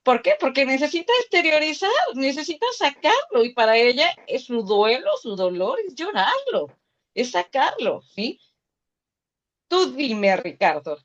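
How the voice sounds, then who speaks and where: Woman psychologist explaining, muffled call audio. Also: on the high side. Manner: explanatory, frequent checking "¿sí?". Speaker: psychologist guest. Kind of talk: interview, explaining grief. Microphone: video call.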